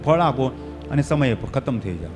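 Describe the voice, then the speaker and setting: A male pastor preaching a sermon in a church hall, his voice often swelling loud with fervor. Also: mid-range voice, sing-song, moderate pace. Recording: long hall reverb, faint music behind.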